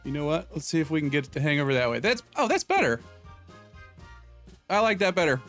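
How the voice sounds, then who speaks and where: A man's voice: a little high, very fast, fairly bright tone. A young adult man hosting a casual live stream, joking and reading out viewer names and donations at a desk mic in a home room. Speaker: streamer host. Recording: faint background music. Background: background music.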